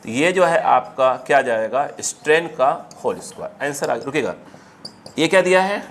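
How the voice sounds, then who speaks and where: A physics teacher lecturing a class, slowly dictating questions and then explaining in a quick, chatty way. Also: male voice, medium pitch, animated, a bit bright.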